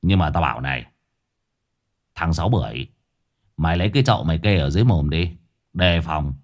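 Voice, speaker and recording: A man playing a gruff, impatient old male exorcist who talks curt and bossy. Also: expressive, fairly quick, exaggerated voice. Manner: curt, bossy, low growl.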